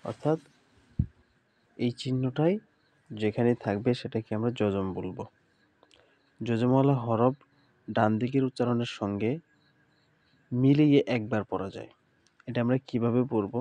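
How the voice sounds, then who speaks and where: Guy giving an online quran reading class, mellow darker voice, slow patient sounding out of each syllable. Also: medium pitch, dry recording. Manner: uses pious phrases, addresses students as a group.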